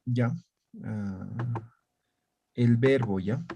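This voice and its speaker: A man's voice: medium pitch, vocal fry, dark tone, a little hiss or hum. A man teaching an online language class, explaining patiently and often checking that students follow. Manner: slow, patient, checks understanding with "¿ya?" and "¿no ve?".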